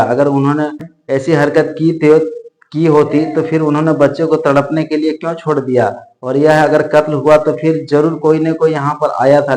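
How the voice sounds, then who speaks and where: A man's voice: mid-range voice, darkish tone. A man narrating a true-crime case in an unscripted way, often restarting and correcting himself mid-sentence. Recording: echoey room.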